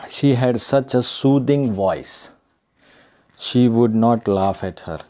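Male teacher, Indian English accent, dark and mellow tone, reads the text and then talks it through slowly. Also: mid-range voice. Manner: reads a line, then repeats and paraphrases it slowly. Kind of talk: explaining a school text.

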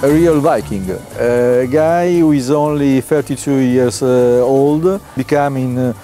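A man's voice: medium pitch, steady tone, unhurried, music in the background. A middle-aged man, talking thoughtfully about cuisine in an interview, with fillers. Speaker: food commentator. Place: outdoor hotel terrace.

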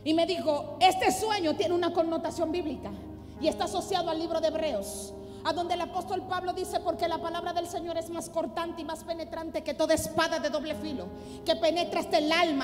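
A woman's voice: very high voice, steady tone, fairly quick. Woman pastor preaching hard, dramatic testimony, long echo in a big church hall. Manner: impassioned, dramatic storytelling, builds to loud exhortation. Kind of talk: sermon with personal testimony. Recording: reverberant hall with music underneath.

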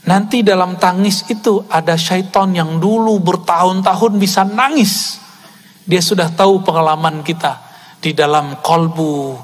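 A male preacher delivers a sermon with animated energy, tossing rhetorical questions at his listeners and slipping into casual asides. His voice sits on the higher side for a man. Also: unhurried. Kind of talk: religious sermon to a live congregation.

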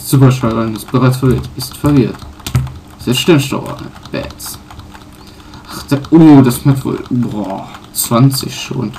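A man casually commenting on his own playthrough, pausing often with fillers and correcting himself. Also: medium pitch, a little mellow, slight background noise. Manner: halting, many fillers and self-corrections. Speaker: let's player.

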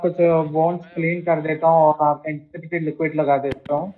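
A man playing a calm, polite doctor in a roleplay. His voice sits a bit high. It comes through thin and tinny, like a phone line. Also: a little fast. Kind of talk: casual roleplay.

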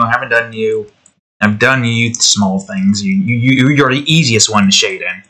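A young man with a medium-pitched, pushed, bright voice talks to himself casually while drawing, occasionally trying out voices. The art video creator records on a desk mic in a small room at home.

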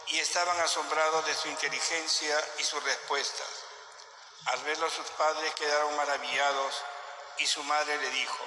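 A man speaking as a priest at Mass, reading scripture and preaching in a solemn, measured way with a cathedral echo. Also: fairly high pitch, sharp tone. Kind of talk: liturgical gospel reading and homily. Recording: cathedral-like echo, long reverb, noisy background.

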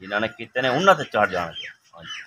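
Speaking fast and with a lot of animation in a fairly low voice, a man with a Pakistani accent chats casually but emphatically, repeating phrases to drive his point home in an opinionated monologue. He's outdoors in a village yard, captured on a phone with clearly audible background noise.

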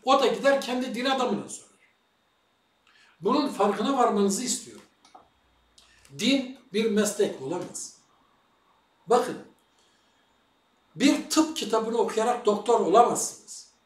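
A man with a high voice that swings widely in pitch lectures in a monologue, firing rhetorical questions at his listeners. He sounds set back from the microphone in a roomy, echoing space. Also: lively intonation, unhurried, long pauses. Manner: rhetorical questions addressed to viewers. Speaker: religious commentator. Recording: echoey room, far from the mic.

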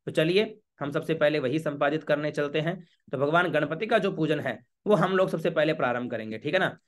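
Priest calmly explaining a ritual. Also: male voice, on the high side. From Rajasthan, India. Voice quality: chants Sanskrit verses slowly. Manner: patient, repeats checks like "okay?". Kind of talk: step-by-step ritual instruction.

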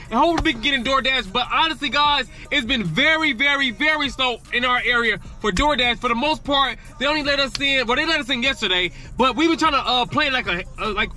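A man's voice: very high-pitched, pushed and bright. A man in his thirties vlogging his gig deliveries from inside his car, hyping himself up with little rhymes and calling everyone baby. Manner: hypes rhymes, keeps saying baby. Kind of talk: casual ride-along vlog. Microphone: dash camera facing driver.

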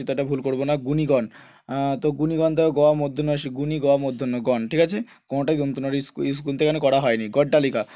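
A man's voice: on the high side, mellow. A man teaching a spelling lesson for exam students, spelling words out letter by letter and repeating the key points.

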